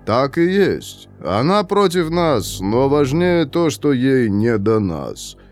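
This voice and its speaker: A man voicing a calm, detached young male prisoner in his twenties who speaks slowly and in a measured, lecturing way. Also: medium pitch, faint music behind. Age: 20s.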